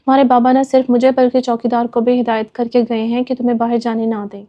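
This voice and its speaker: A woman voicing a stern, measured middle-aged mother in a dull lo-fi recording. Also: on the high side, little pitch movement, lightly acted.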